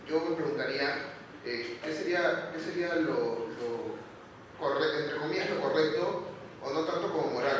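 Male student, hesitant, speaking from a distance with audible background noise in an echoey classroom. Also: medium pitch. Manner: hesitant, many restarts. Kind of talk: classroom question. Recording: echoey room, distant mic, noisy.

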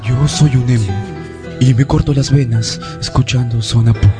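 A man's voice: mid-range voice, fairly even intonation, normal speed, over music, natural voice. A man playing a self-pitying young male emo in a comic radio promo, begging melodramatically. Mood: mopey. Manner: pleading, melodramatic.

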